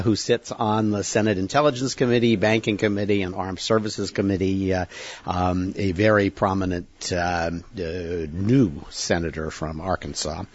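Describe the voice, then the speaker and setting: A man hosting a podcast, talking in a halting way with many fillers. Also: lowish voice, no echo, muffled recording. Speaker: podcast host. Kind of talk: casual podcast chat.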